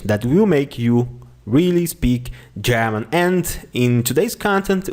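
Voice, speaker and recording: A man's voice: medium pitch, a little mellow. A man teaching a beginner German class in English, whose first language is Portuguese. He explains patiently and repeats words over and over as pronunciation drills. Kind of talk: online language lesson.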